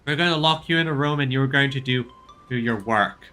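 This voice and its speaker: Bright-voiced man giving casual game commentary. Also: medium pitch, a little fast. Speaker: gaming streamer.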